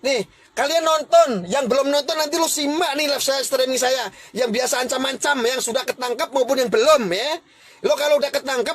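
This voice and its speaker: A man hosting his own livestream, delivering a heated, confrontational rant that challenges and scolds his critics. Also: extremely high pitch. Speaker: livestream host.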